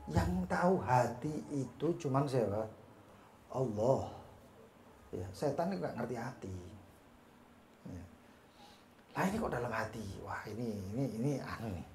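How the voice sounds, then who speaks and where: A male preacher tells a story during a study session and breaks it up with lively asides. His voice sits at a middle pitch. The room is echoey, with faint noise behind. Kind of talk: religious study sermon.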